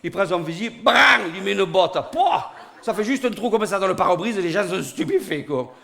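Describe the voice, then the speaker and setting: A man telling a comic story in an animated way, full of sound effects. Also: high-pitched, a little fast, vocal fry. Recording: studio recording.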